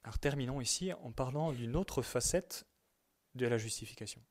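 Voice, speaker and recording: Speaking with a mid-range voice, a youth retreat teacher gives young listeners a religious lesson. He keeps a measured pace, emphasizes key words, and occasionally reads quotations out loud.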